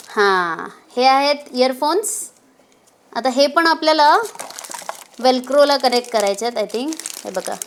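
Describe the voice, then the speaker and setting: Speaking in a fairly high voice, a female motovlogger casually unboxes a product and shows how to install it. She hesitates as she goes and mixes English words into her speech. A slight hiss or hum runs under the recording.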